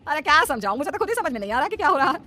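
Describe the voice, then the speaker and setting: A woman's voice: sits high, very animated, very fast, bright, forceful tone, pitched above the performer's own voice, exaggerated voice. A woman voicing a bossy, possessive middle-aged mother-in-law in a cartoon story, scolding and complaining.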